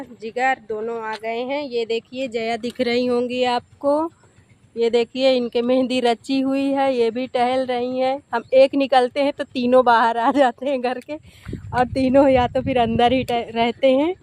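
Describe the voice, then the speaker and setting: A woman's voice: on the high side, flat delivery, a little slow, darkish tone, a little hiss or hum. A middle-aged woman chatting casually to viewers in a home vlog, first on a walk outdoors and then in her kitchen. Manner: chatty, addresses viewers as friends. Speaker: vlogger.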